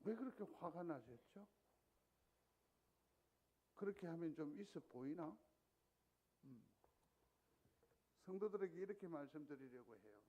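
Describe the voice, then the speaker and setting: A man's voice: on the high side, warm tone. A male pastor preaching a Sunday sermon in a conversational way, often asking the congregation questions. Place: church sanctuary.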